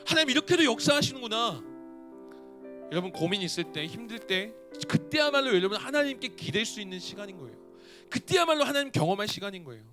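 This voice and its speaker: A man's voice: high-pitched, big pitch swings, quick pace, a bit bright, soft background music. A man giving a sermon to a youth congregation, telling a story and then pleading with his listeners. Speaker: youth pastor.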